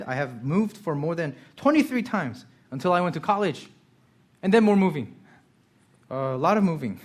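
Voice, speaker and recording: Pastor who grew up in Korea, earnest sermon delivery, slightly high voice, soft reflection giving way to emphatic questions. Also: male voice. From South Korea.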